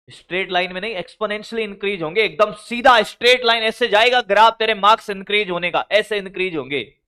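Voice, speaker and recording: A man's voice: sits high, sharp tone, clear, resonant tone. A physics teacher giving scolding, motivational study advice, full of rhetorical questions to his students.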